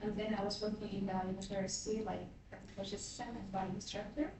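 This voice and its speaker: Fast-talking woman from Iraq. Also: medium pitch, little pitch movement. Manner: rapid, run-on self-introduction. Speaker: graduate student introducing herself. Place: classroom. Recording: echoey classroom, far from the mic, with noise.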